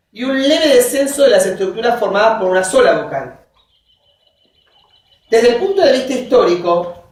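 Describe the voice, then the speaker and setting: A university teacher giving a linguistics lecture, dictating from notes, spelling out examples word by word and checking in with short questions to the class. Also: medium pitch. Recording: very echoey classroom, voice from far off.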